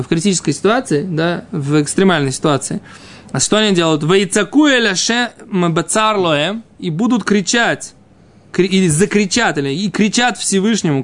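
A man teaching an informal religious text class, reading and explaining in fragments with frequent checking questions. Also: sits high.

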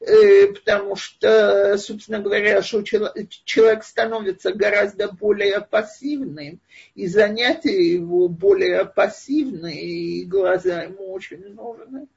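A woman's voice: medium pitch, measured pace, gravelly, a little mellow, husky, muffled recording. A woman giving an online lecture and answering questions in a thoughtful, hesitant way, recorded over a video call.

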